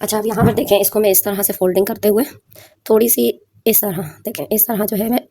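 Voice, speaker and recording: Her medium-pitched voice is steady and dark, moving fast over a faint hiss or hum. Hosting a sewing tutorial, she explains the craft step by step in a casual way, often asking viewers to follow along, and keeps clearing her sore throat.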